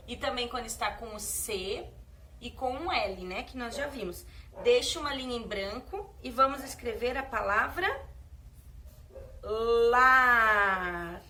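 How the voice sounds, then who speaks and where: A Brazilian woman teacher talking slowly and gently to small children, drawing out her words. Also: a little high, distant mic, slight background noise. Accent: Brazilian Portuguese. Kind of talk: children's lesson.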